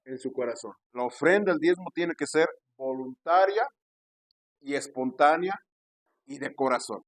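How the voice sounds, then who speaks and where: A man's voice: medium pitch, unhurried, no room sound. A man preaching a sermon, often asking the congregation whether they are listening. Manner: preaching with frequent call-outs to the congregation; acts out quoted pastors with pushy raised voice. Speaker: pastor.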